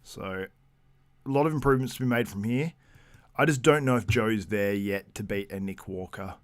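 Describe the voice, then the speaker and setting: A man's voice: lowish voice, moderate pace, dry recording. A man hosting a casual live-stream, chatting loosely and reading out viewer comments between laughs. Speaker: livestream host.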